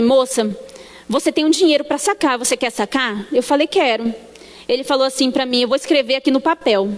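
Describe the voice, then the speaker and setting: A woman with a Brazilian Portuguese accent gives a church testimony in a sanctuary. She tells her story with feeling and acts out the dialogue. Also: high voice. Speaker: church member giving testimony. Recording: long church hall reverb.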